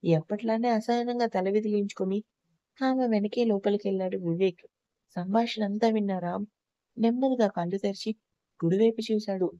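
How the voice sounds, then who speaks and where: Mellow-voiced woman narrating a story. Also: medium pitch, normal speed, dry recording. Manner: steady expressive reading. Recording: slightly dull lo-fi recording, dry.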